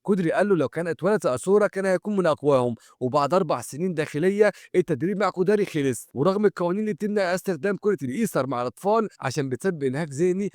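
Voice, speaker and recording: Egyptian guy racing through an anime recap, talks right to viewers, fast as anything, slightly high voice. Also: dry recording, studio quality. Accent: Egyptian Arabic. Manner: brisk storytelling, addresses viewers directly.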